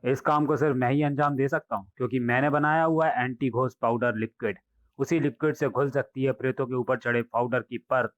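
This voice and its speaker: A man's voice: mid-range voice, fairly even intonation, fairly quick, no room sound, lo-fi sound, lightly acted. A man voicing a scheming male mad scientist villain who talks in a gloating way.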